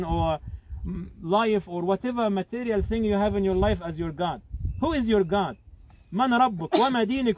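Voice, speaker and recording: High-voiced imam preaching at a graveside. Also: male voice, darkish tone, slight background noise, low-quality recording. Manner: earnest, repeats phrases for emphasis, rhetorical questions. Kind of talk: graveside sermon. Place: outdoors at a cemetery, crowd standing around. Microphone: camera a few metres away.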